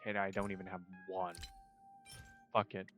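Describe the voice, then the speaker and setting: Excitable male streamer pleading with the game. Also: low voice, moderate pace, lo-fi sound, soft background music. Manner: talks to the game, swears, bursts into loud exclamations. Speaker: livestreamer. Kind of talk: casual gaming livestream commentary.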